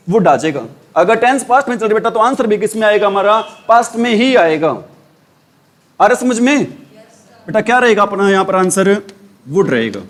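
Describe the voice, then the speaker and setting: Hindi-accented male teacher, middle-aged, higher voice, drilling rules by call and answer. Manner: quizzing students with repeated questions, calls them beta. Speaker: English teacher. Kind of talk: classroom grammar lesson.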